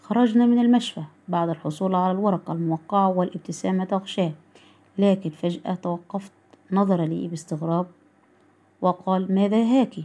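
A woman narrating a short story in the first person, reading calmly and at a measured pace. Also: fairly low pitch.

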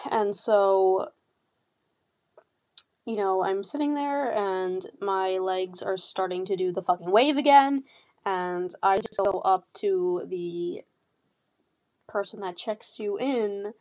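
A woman's voice: medium pitch, slow pace, pauses often, a little mellow. A young woman hosting a podcast, candidly telling a personal story in casual, profane speech full of fillers. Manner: candid, heavy swearing, lots of fillers. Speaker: podcast host.

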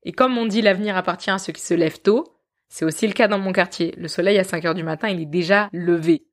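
A woman hosting a podcast, telling her story in a lively, self-mocking way and often laughing. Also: fairly low pitch, quick pace. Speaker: podcast host.

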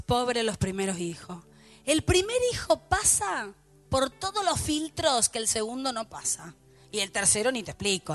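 A middle-aged woman pastor with a Rioplatense Argentine accent, telling funny stories to her congregation in an animated sermon. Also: fairly high pitch. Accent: Rioplatense Spanish. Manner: animated storytelling, playful asides to the congregation. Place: church before a live congregation.

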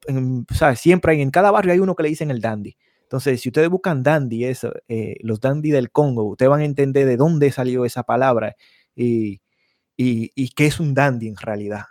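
A man's voice: medium pitch, a little mellow, no echo, studio quality. A man, co-hosting a podcast in casual chat and rambling through stories, often checking that listeners follow him. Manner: rambling storyteller, keeps asking "tú me entiendes". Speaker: podcast co-host.

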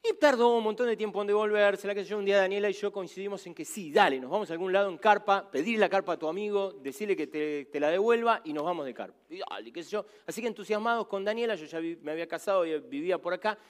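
A man in his fifties, a pastor with a Rioplatense Spanish accent, preaching a sermon and telling stories in an animated way, acting out voices. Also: high-pitched, fast, few pauses. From Argentina. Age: 50s. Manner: animated storytelling, acts out voices.

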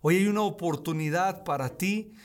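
A man's voice: high-pitched, normal speed. A man in his thirties preaching a streamed sermon, stressing his points by saying key phrases again. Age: 30s. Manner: emphatic, repeats key phrases.

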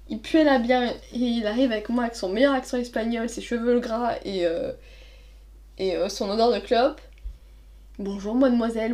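High-voiced young woman telling a story. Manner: animated, acts out the people she quotes. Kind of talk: casual anecdote telling.

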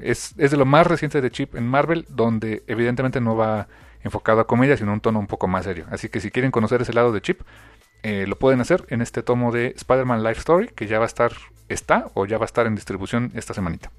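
A man hosting a comics podcast, chatting casually and rambling through filler pauses. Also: medium pitch, dry recording. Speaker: podcast host. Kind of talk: casual chat.

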